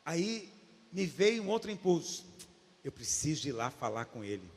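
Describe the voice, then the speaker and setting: A Brazilian man preaching a sermon in a church, swinging from hushed asides to shouted points. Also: on the high side, big pitch swings, moderate pace, long reverb tail. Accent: Brazilian Portuguese. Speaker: pastor. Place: church hall.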